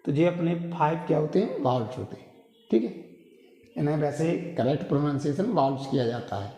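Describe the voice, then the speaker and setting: A man giving a pronunciation lesson in a repetitive, drilling way, often checking in with his listeners. His voice is mellow and a little high. It is recorded in a roomy space with a long, hall-like echo. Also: lively intonation, a little fast. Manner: repetitive, drilling, frequent tag questions. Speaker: English pronunciation teacher. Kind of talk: classroom-style lesson.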